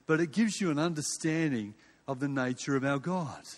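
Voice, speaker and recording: An older preacher from Western Australia delivers a sermon with an Australian accent, his voice on the high side with lively intonation at a moderate pace. He tells it like an informal, conversational story, using rhetorical questions and repetition. The recording carries the reverberant sound of a large hall or church.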